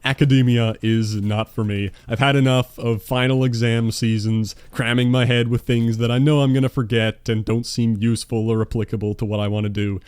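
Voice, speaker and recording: A man's voice: medium pitch, level tone, brisk, few pauses, darkish tone, clean tone, no room sound. Dry, sarcastic young man on a close studio mic. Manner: dry, sarcastic, self-mocking humor. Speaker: gaming YouTuber answering viewer questions. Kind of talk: casual commentary monologue. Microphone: dynamic studio mic on a stand.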